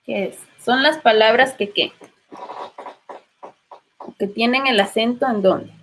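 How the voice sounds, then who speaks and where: A woman's voice: a little high, takes it slowly, a bit bright. A woman with a Guatemalan Spanish accent teaching literature in an online class, patiently prompting students with questions.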